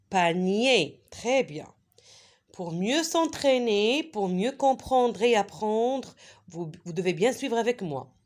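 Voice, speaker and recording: Slow, lively-voiced woman teaching phonics. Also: medium pitch. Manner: drawn-out words repeated for children to echo; encouraging praise. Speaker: reading teacher. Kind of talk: slow phonics lesson for young children.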